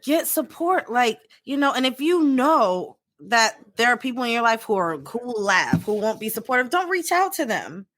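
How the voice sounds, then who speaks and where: A middle-aged woman, a therapist co-hosting a podcast, chatting casually and telling stories with lively quoted asides. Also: fairly high pitch, moderate pace, few pauses, no echo. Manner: animated, storytelling with quoted asides. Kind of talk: casual chat.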